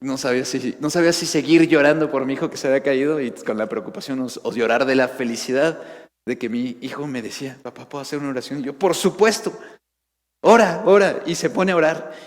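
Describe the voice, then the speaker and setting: A man's voice: medium pitch, fast. A man, preaching a sermon and telling a heartfelt family story with many restarts. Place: church sanctuary. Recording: reverberant church hall.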